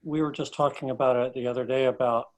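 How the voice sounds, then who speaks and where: A man's voice: medium pitch, steady tone, fast, darkish tone. A man in a study group raising a point, restarting his phrases as he goes. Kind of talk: casual question in a discussion.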